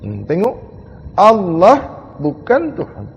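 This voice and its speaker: A man giving a mystical religious lecture, asking slow, emphatic rhetorical questions. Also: high voice, wildly swooping pitch, slightly rough, long reverb tail, muffled recording. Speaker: religious teacher.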